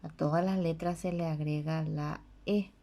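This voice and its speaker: A woman's voice: low-pitched, steady tone, normal speed, gravelly, warm tone. A woman teacher reading out a language lesson, naming each letter and its syllable and repeating them. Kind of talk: slow read-aloud language lesson.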